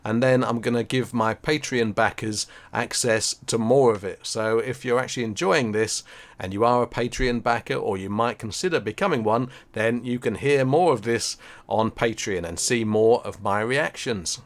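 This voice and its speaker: A middle-aged YouTube host from Suffolk, England, offers casual reaction commentary in an English accent, his medium-pitched voice keeping a moderate pace.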